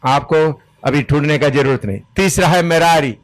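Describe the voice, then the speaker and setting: A man teaching a Bible study, slowly giving verse references, pausing as he writes and correcting himself. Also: on the high side. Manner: deliberate, pauses while writing, self-correcting.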